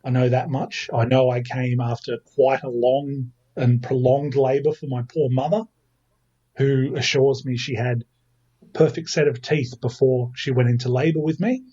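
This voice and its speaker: This Australian man in his thirties speaks at a normal speed with a mellow, slightly rough, medium-pitched voice and fairly even intonation, though the audio is dull. As a podcast guest in casual conversation, he's chatty and self-mocking, often restarting what he's saying.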